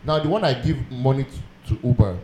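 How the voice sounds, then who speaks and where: A man's voice: mid-range voice, expressive, a little fast. A man with a Nigerian accent in a casual group chat, earnestly explaining his view with worked examples. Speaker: panelist. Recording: echoey room with background noise.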